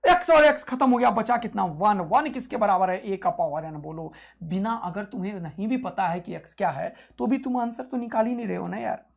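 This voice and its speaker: A male physics teacher giving an exam-prep lecture, energetic and rousing, repeating key points to his students. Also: high voice, fairly quick, vocal fry, few pauses.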